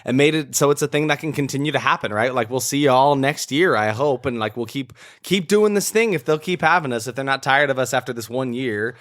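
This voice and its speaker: A man's voice: medium pitch, fairly quick, hardly any pauses, a bit bright, no echo, studio quality. A young American man co-hosting a podcast in casual, joking chat. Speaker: podcast co-host.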